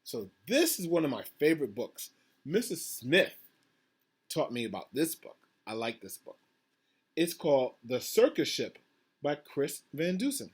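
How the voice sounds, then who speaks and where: A man's voice: fairly high pitch, sing-song, unhurried, slightly rough. A man, a school principal, reading a picture book aloud to children over a video call, praising them and asking about the pictures. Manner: encouraging, asks the children questions about the pictures.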